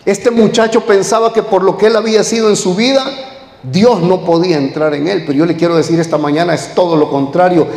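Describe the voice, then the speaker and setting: Male pastor, fairly high voice, narrative sermon style, roomy reverberant church sound. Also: steady tone, brisk, a little mellow. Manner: storytelling, addresses listeners as brother. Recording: echoey hall.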